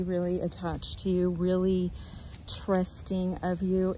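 An older woman chatting casually outdoors on her farm, talking gently and rambling as she loses her train of thought. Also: fairly low pitch, slight background noise, poor audio. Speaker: goat rancher. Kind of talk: casual farm vlog chat.

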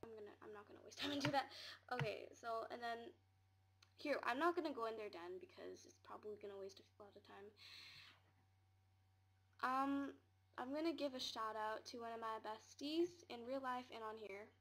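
A woman's voice: on the high side, moderate pace, fairly bright tone. A young woman giving a casual tour of her game home, mumbling and rambling with many fillers and giggles, recorded in a small room.

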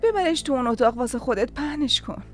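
A sarcastic, bossy sister-in-law. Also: female voice, sits high, expressive, soft background music. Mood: mocking. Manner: sarcastic and bossy, hurrying others along. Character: bossy, mocking woman scolding her sister-in-law. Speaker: dub actress. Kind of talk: Persian-dubbed TV drama acting.

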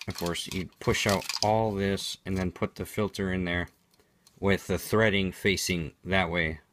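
A man's voice: low voice, steady tone, unhurried, a bit bright, slight background noise. A man giving an unscripted product demonstration in a matter-of-fact, explanatory way, as a reviewer.

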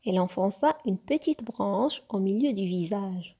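A woman reading a children's story aloud in a slow, careful, clear narration. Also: medium pitch, lively intonation, mellow.

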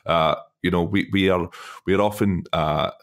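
A man's voice: deep voice, steady tone, normal speed. A man from the UK hosting a podcast interview, talking hesitantly with many repeated words. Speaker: podcast host. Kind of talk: conversational interview.

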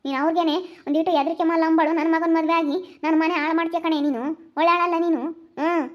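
Brief: sharp-tongued village mother, played by a woman, very high pitch, rapid rural Chitradurga Kannada, muffled recording. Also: steady tone. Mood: scolding. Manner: scolding, rapid and shrill.

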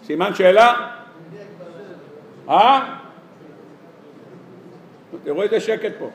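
A rabbi delivers his weekly sermon to an audience in a lecture hall or synagogue, lively and humorous, firing off rhetorical questions and acting out everyday dialogues. He has a high-pitched male voice, and the recording has an echoey hall sound.

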